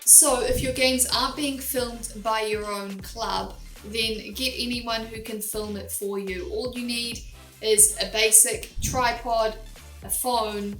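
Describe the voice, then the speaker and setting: A young New Zealand woman hosts a casual advice vlog, giving direct, practical, step-by-step tips. Her voice is fairly high, with fairly even intonation and a slow pace, and music plays in the background. The recording is roomy and a bit distant from the mic.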